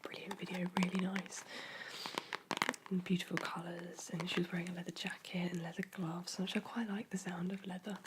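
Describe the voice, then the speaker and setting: A woman whispering softly and caringly in an ASMR chat, her throat sore and dry from a cold. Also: fairly low pitch, level tone, brisk, heavy background noise. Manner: soft, intimate, caring whisper. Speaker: ASMR creator. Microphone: close microphone.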